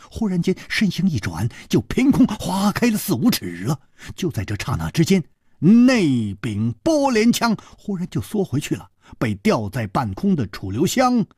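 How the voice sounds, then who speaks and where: A male storyteller narrating a martial-arts audiobook theatrically, jumping from loud bursts to hushed whispers. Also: mid-range voice, breathy edge, no room sound, studio quality.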